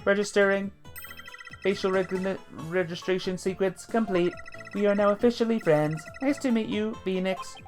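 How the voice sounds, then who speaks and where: A woman voicing a cheerful female guide robot in a bright, singsong announcer manner, with a put-on robot voice. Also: mid-range voice, fairly even intonation, normal speed, faint music behind, voice pushed up. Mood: chirpy. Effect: robot voice, put on by the reader. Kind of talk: fan voice acting of a game.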